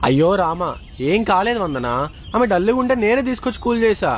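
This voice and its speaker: A man's voice: sits high, very animated, fast, slight background noise. A young man, playing a friend in a comedy sketch, who teases and eggs on his friends.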